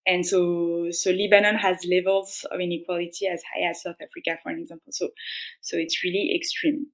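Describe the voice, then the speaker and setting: A woman's voice: on the low side, level tone, a little fast, rough recording. A young woman with a French accent, explaining patiently as a guest on a podcast, with many restarts and "like"s. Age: young adult. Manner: earnest, explanatory, frequent "like" and restarts. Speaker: guest economist. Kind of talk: podcast interview.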